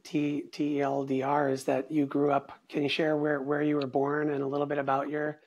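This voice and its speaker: A man hosting an interview, animated and casual, piling up fillers as he talks. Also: fairly high pitch, normal speed, highs cut off. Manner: animated, filler-heavy, says "like" a lot. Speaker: podcast host.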